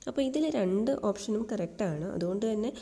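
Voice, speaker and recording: A woman, explaining grammar exam questions and slowly dictating the sample sentences word by word. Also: medium pitch, expressive, dark tone. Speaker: exam coaching teacher.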